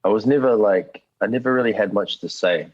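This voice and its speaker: A man's voice: fairly low pitch, fairly quick, dry recording. A man with a New Zealand accent chatting casually as an interview guest, slangy, matey and laid-back. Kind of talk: casual chat. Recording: dull lo-fi call audio.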